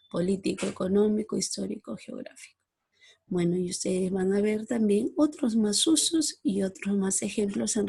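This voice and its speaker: A woman giving a recorded slide-presentation lesson, reading out rules and examples in a measured, explanatory way. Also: medium pitch, gravelly, dark tone, husky. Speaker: teacher.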